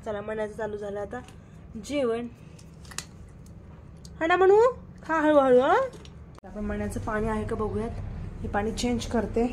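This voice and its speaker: A woman's voice: on the high side, measured pace, pauses often, darkish tone, a little hiss or hum. A woman from Pune vlogging casually in her home kitchen, chatting with many fillers and coaxing her pet. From Pune, India. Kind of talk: casual home vlog, cooking and pet chat.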